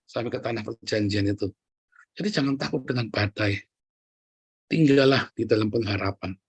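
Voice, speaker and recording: A man preaching a sermon, lively and joking, often turning to address the congregation directly. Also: lowish voice, normal speed, slightly rough. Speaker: pastor.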